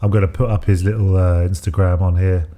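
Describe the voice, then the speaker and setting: Deep-voiced man chatting casually. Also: flat delivery, a little fast, warm tone. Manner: rambling, hesitant, with many fillers. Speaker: podcast co-host. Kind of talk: casual chat.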